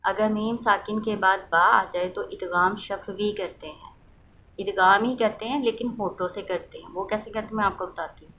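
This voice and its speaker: A woman's voice: mid-range voice, steady tone, moderate pace, pushed and bright, a little hiss or hum, rough recording. A woman teaching the rules of Quran recitation, patiently asking questions and then answering them, and reciting examples aloud to show how they sound. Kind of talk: explaining a lesson.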